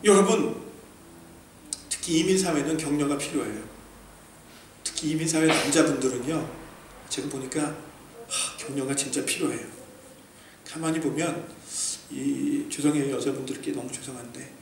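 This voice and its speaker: A man from South Korea preaching a sermon as a pastor, animated and emphatic, swinging between loud peaks and quiet asides, acting out quoted remarks with humor. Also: on the high side, moderate pace, creaky, pauses often. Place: church sanctuary. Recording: echoey distant hall recording with faint noise.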